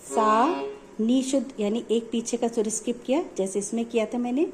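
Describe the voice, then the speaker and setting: A woman's voice: fairly high pitch, normal speed, crowd noise. A woman music teacher explaining notes step by step in a patient, repetitive way. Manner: patient, explanatory, repeats points.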